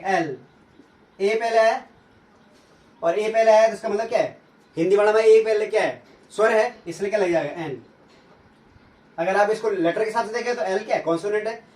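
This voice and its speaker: Male teacher, high voice, drills learners with questions he answers himself, heard from a distance in an echoey room. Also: a little mellow. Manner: asks questions and answers them himself, repeats sounds slowly. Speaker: English teacher. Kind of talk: classroom grammar lesson.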